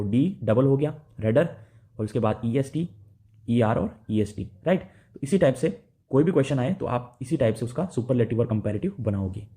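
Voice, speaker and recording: A man with an Indian accent walks through grammar rules like a patient teacher. His voice is mellow and dark, and he keeps checking in with the listener as he goes. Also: mid-range voice. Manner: explains step by step, often asks "right?". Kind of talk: Hindi-English grammar lesson.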